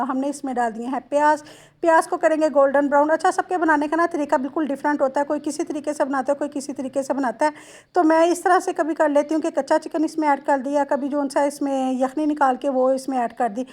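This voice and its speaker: A woman in her thirties from Lahore with a Lahori accent, chatting homely and warm-toned through a cooking vlog voice-over, addressing viewers directly. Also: high-pitched. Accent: Lahori Punjabi-tinged Urdu. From Lahore, Pakistan. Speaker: home cooking vlogger.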